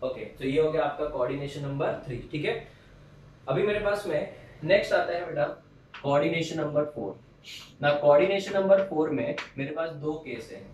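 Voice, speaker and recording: Man, chemistry teacher, classroom lecture, step-by-step explaining, slightly high voice, echoey room. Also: a little mellow, far from the mic, slight background noise. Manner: explains step by step, quizzes the students and answers for them.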